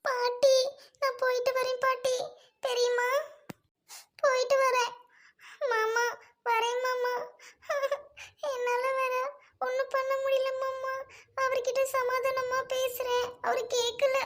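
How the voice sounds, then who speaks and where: A woman playing a young daughter-in-law who says goodbye while crying, soft and pleading. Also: very high-pitched, monotone, slow pace, pauses often. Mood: tearful. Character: young daughter-in-law leaving home in tears.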